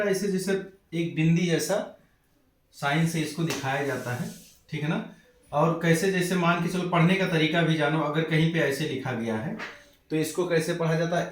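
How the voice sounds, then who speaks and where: A man teaching a casual maths lesson to children, calling them beta, checking in often and slowing down to spell out numbers. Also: on the high side. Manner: calls students beta, keeps asking "theek hai na". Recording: echoey room.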